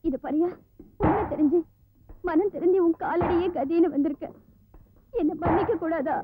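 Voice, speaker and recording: Pleading young village wife. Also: female voice, extremely high pitch, normal speed, heavy background noise. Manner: pleading, emotional. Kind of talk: 1990s film acting. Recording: tinny lo-fi film soundtrack with music.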